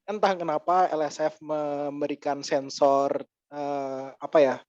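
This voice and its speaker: Animated man ranting in casual chat. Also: on the high side, no room sound, muffled recording. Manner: animated, ranting with quick asides. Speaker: podcast guest.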